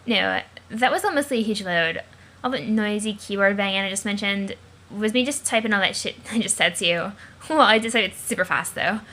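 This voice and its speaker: A woman reading as a slangy, excitable teenage girl hacker who talks crudely and gushes. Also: mid-range voice, a little fast. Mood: boastful. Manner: crude, gushing, slang-heavy. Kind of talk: webcomic reading aloud.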